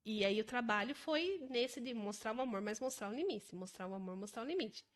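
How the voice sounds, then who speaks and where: A woman from Brazil, an adoptive mother, talking earnestly in a casual podcast conversation and often dropping to a softer voice. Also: fairly high pitch, lively intonation, a little fast.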